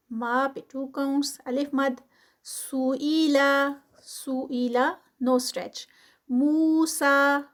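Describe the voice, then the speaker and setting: A woman teaching a tajweed lesson, reciting verses slowly and then explaining the rules of each word. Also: high-pitched, darkish tone. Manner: chants verses slowly, then explains rules briskly in Urdu-English mix.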